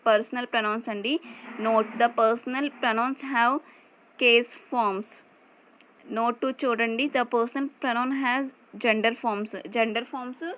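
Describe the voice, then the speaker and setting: Woman, Telugu accent, grammar lesson, slightly high voice, slow careful readings of rules. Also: a bit bright, poor audio. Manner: reads English definitions slowly, then explains in Telugu. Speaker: English grammar teacher. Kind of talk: explanatory lesson over slides.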